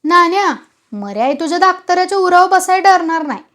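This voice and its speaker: Woman storyteller voicing a threatening old village man, booming his orders. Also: lively intonation, moderate pace. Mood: insistent. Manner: loud, forceful.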